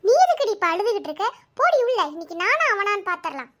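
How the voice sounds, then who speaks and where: Woman voicing a shrill scolding village wife. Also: big pitch swings, fast, fairly bright tone, full character voice. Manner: scolding, quarrelsome. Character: fed-up village wife and mother, fiery.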